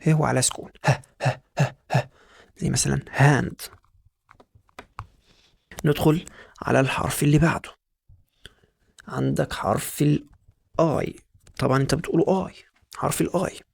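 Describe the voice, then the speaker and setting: Gravelly Egyptian man drilling letter sounds. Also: on the high side, fairly even intonation, moderate pace, long pauses, no echo. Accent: Egyptian Arabic. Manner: drills sounds by repetition, coaxing the viewer. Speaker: English teacher. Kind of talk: beginner phonics lesson.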